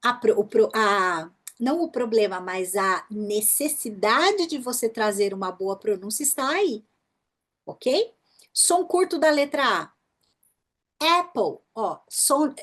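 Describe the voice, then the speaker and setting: A Brazilian woman with a Brazilian Portuguese accent teaching English pronunciation in an online workshop, explaining patterns and demonstrating words slowly, often checking in with the listener. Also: fairly high pitch.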